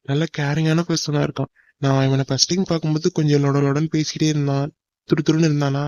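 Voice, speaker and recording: A man's voice: fairly high pitch, darkish tone, no echo, natural voice. A man voicing a talkative, teasing young man in a cartoon drama, on a dull lo-fi dry recording. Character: chatty teasing young man, friend to Ammu.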